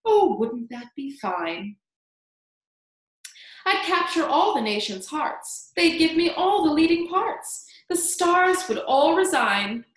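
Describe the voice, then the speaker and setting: Woman putting on a vain, gushing old storybook aunt, swooping high. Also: very animated, roomy sound, heavily acted. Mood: preening. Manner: gushing, drawn-out declaiming in rhyme. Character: vain, boastful, cruel fat older aunt.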